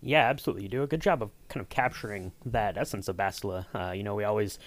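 A podcast host with a lowish voice and a fast pace runs a casual behind-the-scenes interview with a writer. He's chatty and explanatory, frequently checking in with the listener.

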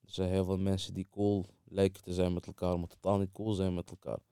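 A man with a low, mellow and clear voice chats casually in an interview. He speaks with a Moroccan-Dutch street accent, heavy on slang such as bro and wallah. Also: level tone, brisk, no room sound, clean studio sound. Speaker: interviewed music artist. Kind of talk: casual chat.

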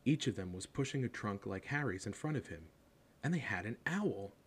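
A man narrating a storybook in an expressive, animated reading, heard over a steady hum. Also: on the low side, normal speed, husky. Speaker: audiobook narrator.

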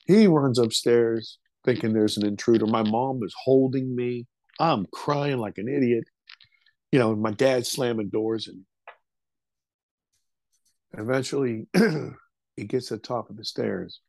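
A man's voice: mid-range voice, measured pace, long pauses, darkish tone, no echo. A middle-aged man, a podcast interview guest, vividly retelling a frightening childhood memory in a loose, casual way, swearing freely.

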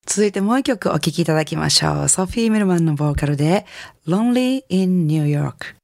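A middle-aged woman with a Kansai accent, a singer hosting a radio music show in a relaxed, chatty, rambling way. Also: fairly low pitch, fairly quick, gravelly, no echo, clean studio sound. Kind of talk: casual radio DJ talk.

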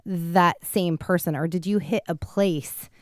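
A woman's voice: fairly low pitch, steady tone, unhurried, no room sound, studio quality. A woman interviewer putting questions to a guest in a conversational style.

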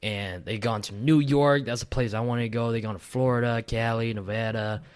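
A man's voice: mid-range voice, steady tone, moderate pace, clear, resonant tone. A man, chatting casually and rambling with lots of fillers and restarts. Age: late 20s. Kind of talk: casual chat.

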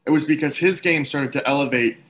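A man's voice: a little high, a little fast, fairly bright tone. Tentative male sports analyst, faint background noise. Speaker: sports podcast panelist.

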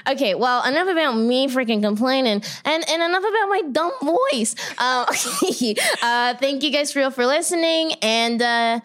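A woman's voice: high-pitched, lively intonation, moderate pace, few pauses, a bit bright. A woman hosting a podcast, chatting casually in an effusive, slangy, giggly way. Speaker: podcast host. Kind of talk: casual chat.

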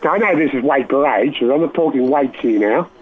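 A man's voice: mid-range voice, lively intonation, brisk. An Australian man calling a radio show, chatting in a laconic, rambling, matey way over a phone. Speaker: phone-in caller. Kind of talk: casual radio call-in chat. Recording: tinny phone line with clear noise.

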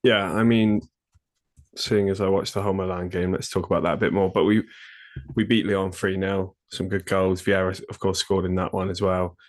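A low-voiced man hosts a casual football podcast. He has a cold, which leaves his voice nasal and congested. His delivery is conversational. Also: level tone, moderate pace. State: ill with a cold. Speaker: podcast host.

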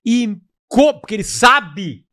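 A man co-hosting a comedy podcast, ranting through a story in an animated way. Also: very high voice, slow pace. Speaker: podcast co-host.

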